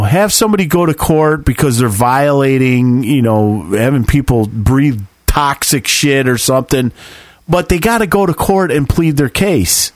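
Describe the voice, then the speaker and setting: A man's voice: mid-range voice, no echo. Guy going off on a rant on his podcast, swears a lot, dry close sound, acts out quotes. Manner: ranting, profane, acts out quoted voices. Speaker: podcast co-host. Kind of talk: casual chat.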